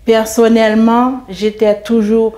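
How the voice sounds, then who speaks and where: A woman's voice: a little high, level tone, unhurried, dark tone. A middle-aged woman giving an earnest faith testimony in an interview, speaking hesitantly and often restarting or repeating her words.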